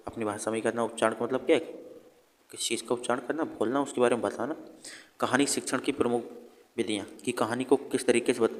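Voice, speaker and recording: Man teaching an exam lesson, reverberant room. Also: mid-range voice. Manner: explains by asking and answering his own questions.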